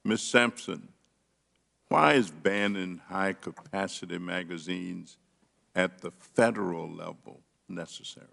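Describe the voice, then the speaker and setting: Slow, very deep-voiced male politician orating. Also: gravelly, fairly bright tone. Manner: politician's deliberate, emphatic oratory with dramatic pauses. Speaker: politician, member of Congress. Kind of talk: politician's speech at a legislative hearing. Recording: reverberant hearing room.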